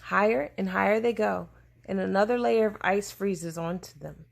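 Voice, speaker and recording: Reading a children's science book to a child, a woman takes a deliberate, explanatory approach and stops now and then to answer questions. Her voice is medium-pitched and creaky.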